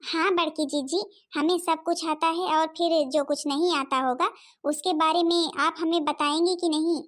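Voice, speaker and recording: A woman voicing a sweet, newly married young daughter-in-law in a cartoon, polite and gentle. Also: extremely high pitch, fairly even intonation, normal speed.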